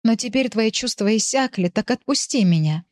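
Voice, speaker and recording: A woman's voice: a little high, lively intonation, moderate pace, darkish tone, no echo, studio quality, voice pushed up, natural voice. A woman voicing a worn-down wife who pleads bitterly with her husband in an audiobook. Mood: pleading.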